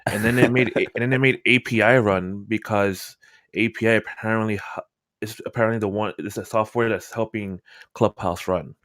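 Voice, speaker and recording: A somewhat low-voiced man hosts a live stream in casual chat. He talks in an excitable, chatty way, and his voice sounds dry and close with little room around it. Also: moderate pace, no echo. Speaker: live trading stream host.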